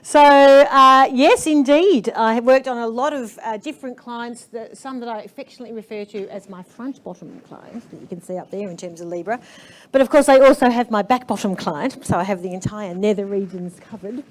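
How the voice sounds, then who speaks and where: A woman's voice: a little high, a little fast. A woman giving a casual, chatty talk to an event audience, full of cheeky jokes and playful asides. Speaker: event speaker.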